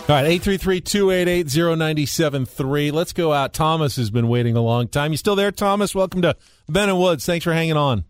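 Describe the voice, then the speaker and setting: A man's voice: fairly high pitch, a little fast, smooth, no echo, clean studio sound, faint music behind. A man with an American accent hosting a sports radio show, mixing casual talk with sponsor and phone-line reads. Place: radio studio.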